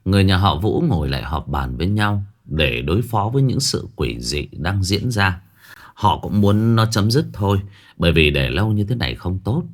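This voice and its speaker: A man narrating a scripted ghost story in a dramatic storytelling manner, dropping his voice low for the eerie parts. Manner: dramatic, lively storytelling with sudden hushed drops.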